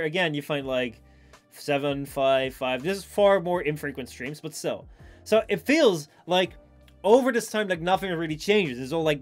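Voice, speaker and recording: Rambling male streamer over background music. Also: a little high. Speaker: live streamer. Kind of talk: casual chat with stream viewers.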